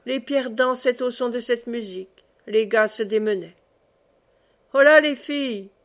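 A woman reading a classic novel aloud in a measured, expressive way. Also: a little high. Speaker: audiobook reader.

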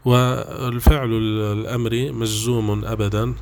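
A man teaching a grammar lesson, patient and repetitive, pausing often with drawn-out fillers. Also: lowish voice, flat delivery, slight background noise. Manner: patient, repeats examples and restates points; frequent hesitations with drawn-out fillers.

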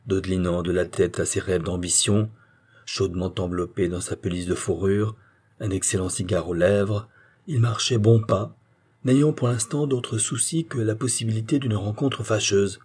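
A man reads a short story aloud with measured, expressive delivery. His voice is low and somewhat husky. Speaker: narrator. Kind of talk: dramatic reading of a short story.

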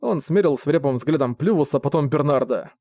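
A man narrating a fantasy audiobook with expressive storytelling. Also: a little high, fairly quick, dry recording, studio quality.

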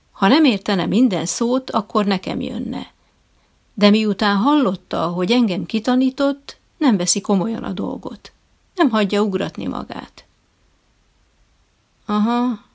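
A woman's voice: medium pitch, vocal fry, darkish tone. A woman reading a humorous short story as an audiobook narrator, with a dry, wry delivery. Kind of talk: scripted narration.

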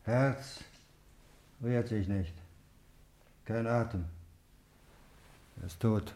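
Cold conspirator, low voice, dark tone, old radio play. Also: male voice, extremely slow, echoey room. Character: cold calculating conspirator man. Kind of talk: classic radio play acting.

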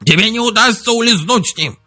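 Brief: shrill furious old chief, high squeaky yelling, storybook read-aloud. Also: male voice, lively intonation, brisk, faint music behind, full character voice. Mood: furious shrieking. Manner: shrieking threats, shrill and angry.

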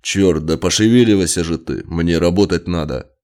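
A man's voice: deep voice, expressive, normal speed, a little mellow. A man doing a cold, snapping scientist husband. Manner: curt, snapping, sneering.

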